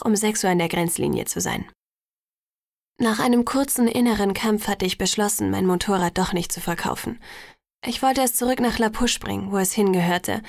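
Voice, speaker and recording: Gravelly-voiced woman narrating an audiobook. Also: medium pitch, no room sound, clean studio sound. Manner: measured, quietly reflective reading. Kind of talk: first-person audiobook narration.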